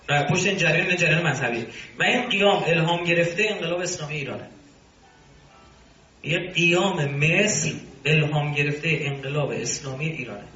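A male religious commentator delivers an argumentative lecture, now and then breaking into mocking asides. His voice is fairly high, bright, and forceful, and the recording sounds roomy, distant, and dull.

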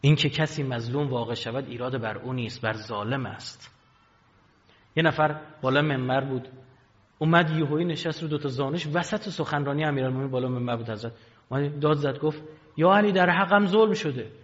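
A man preaching a sermon from the pulpit, telling stories with dramatic swings in loudness and pitch. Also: steady tone. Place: hall with pulpit. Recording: dull lo-fi sound, long hall reverb.

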